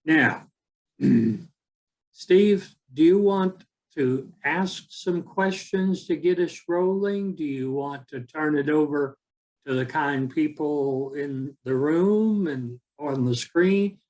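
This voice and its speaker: A man of seventy, giving an unhurried, rambling talk as an author, often repeating words as he searches for them. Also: a little high, expressive, darkish tone. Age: 70s. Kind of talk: slow reflective talk with poetry reading.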